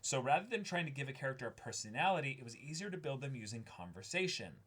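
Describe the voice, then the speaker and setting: A young man sits next to his co-host in a small room, reading fan mail aloud for their reaction and unboxing show and breaking in with enthusiastic, chatty reactions. His medium-pitched voice is husky and a bit bright, very animated and quick.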